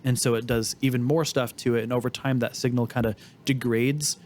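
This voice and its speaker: Male podcast co-host; halting, explanatory delivery, faint background noise. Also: mid-range voice, fairly even intonation, darkish tone. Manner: explaining, halting with many restarts. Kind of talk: casual chat.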